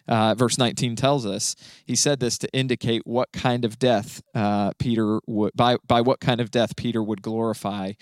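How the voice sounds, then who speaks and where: A man's voice: mid-range voice, no room sound. Man teaching scripture in casual conversation. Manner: explanatory, frequent "right?" and fillers.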